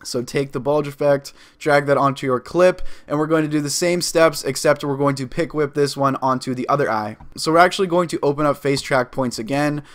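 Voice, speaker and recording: A man in his twenties giving an upbeat, step-by-step screen-recorded software tutorial from a desk in a small room. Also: a little high, brisk, hardly any pauses. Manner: upbeat, instructive, walks through each click step by step. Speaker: video editing tutor.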